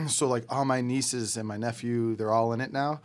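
A man's voice: mid-range voice, normal speed. Laid-back rambling male band guest. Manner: rambling, laid-back storytelling with many fillers. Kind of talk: casual podcast chat.

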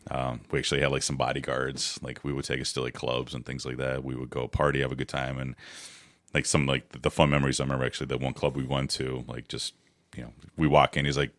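Very deep fast-talking rambling man. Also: level tone, fairly bright tone, dry recording, clean studio sound. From Ukraine. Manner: rambling, many "if you will" and "I mean" fillers. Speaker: guest. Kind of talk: casual storytelling interview.

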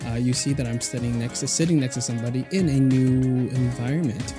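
A man's voice: mid-range voice, fairly even intonation, fairly quick. A young man hosting a podcast in casual, chatty talk, recorded in an echoey apartment room. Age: young adult. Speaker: podcast host. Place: echoey room in a new apartment, makeshift studio. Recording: echoey room, music behind.

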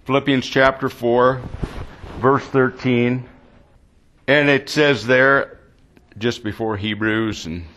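With a mid-range, slightly bright voice, a man gives a conversational sermon. He keeps asking the congregation questions and repeats words as he searches for how to say things.

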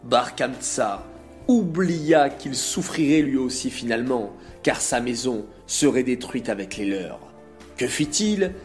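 A man narrating a religious story in a measured, expressive reading voice. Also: mid-range voice. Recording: faint music behind.

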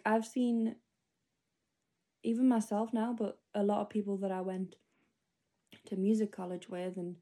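A woman's voice: mid-range voice, dark tone. A 25-year-old woman rambling through a spoken diary entry, casual and full of fillers. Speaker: podcast host.

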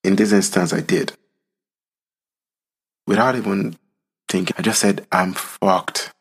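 A man, from Nigeria, telling his own story in slow, solemn, reflective narration. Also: deep voice, creaky, breathy edge. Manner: slow, solemn, deliberate delivery.

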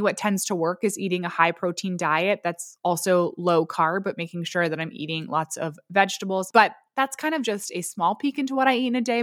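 Woman in her thirties, podcast host, candid and conversational, dry close-miked sound, middle pitch. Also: fairly bright tone, dry recording. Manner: candid, conversational, lists routines item by item. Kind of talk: solo podcast, answering listener questions. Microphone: studio podcast mic.

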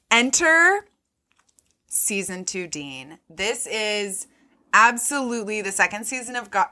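A woman's voice: medium pitch, bright, forceful tone. A woman co-hosting a podcast, recapping a movie in loose, chatty talk full of "like" and casual swearing. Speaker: podcast co-host.

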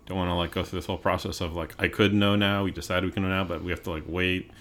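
Young male podcast host, very low voice, chatty and rambling. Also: quick pace. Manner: animated, rambling with many likes, gets loud when emphatic. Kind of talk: casual chat.

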